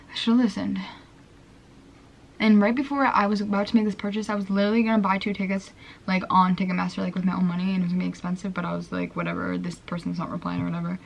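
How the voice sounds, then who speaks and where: A woman's voice: on the low side, creaky, lo-fi sound. A young woman from Minnesota casually telling a vlog story in her bedroom, full of "like" and self-mocking upset. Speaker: vlogger.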